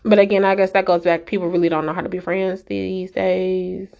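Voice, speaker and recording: A woman's voice: fairly low pitch, little pitch movement, fairly quick, vocal fry, a little mellow. A woman vlogger giving a casual, emphatic rant straight to her viewers, exasperated and direct.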